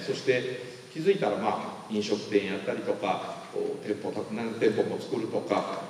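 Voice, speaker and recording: A man's voice: medium pitch, darkish tone, a little hiss or hum. A man in his fifties with a Kansai accent gives a live lecture, telling a story and acting out the voices of the people in it. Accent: Kansai Japanese. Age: 50s. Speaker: motivational speaker. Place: large lecture hall. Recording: echoey hall, mic at a distance.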